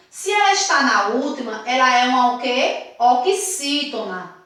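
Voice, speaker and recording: A bright, fairly high-voiced woman teaches young pupils, drawing out each word and asking them questions as she goes. She sits back from the mic in a very echoey room. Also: far from the mic. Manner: slow emphatic syllable-stressing explanations with quiz questions. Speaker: primary school teacher. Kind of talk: recorded remote class lesson.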